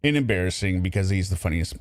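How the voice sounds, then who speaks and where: A man's voice: sits low, animated, quick pace, heavy background noise. Sarcastic man hosting a commentary. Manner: sarcastic, scornful asides. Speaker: commentary channel host. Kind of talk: casual mocking commentary.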